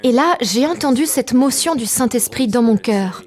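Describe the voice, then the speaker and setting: A woman giving a calm, measured personal testimony as a translated voice-over. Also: a little high. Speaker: testimony narrator.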